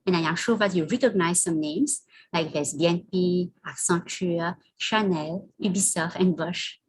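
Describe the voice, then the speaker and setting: A woman presenting an online information session, talking through slides in a prepared, steady manner. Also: on the low side, normal speed, a little hiss or hum, rough recording. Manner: scripted, calls for the next slide.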